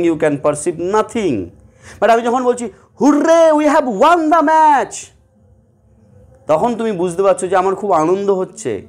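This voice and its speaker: A man with a Bengali accent teaches a grammar lesson in a fairly high voice. He explains patiently and keeps asking his students whether they follow. He reads out example sentences between the explanations. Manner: explanatory, asks students questions, acts out sample sentences.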